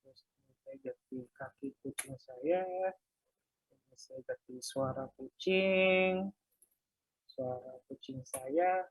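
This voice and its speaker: Slow, husky voice thinking aloud. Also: mid-range voice, no echo. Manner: thinks aloud while typing, soft muttered asides; casual, light laughs at own mistakes. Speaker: workshop instructor. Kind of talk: live coding walkthrough.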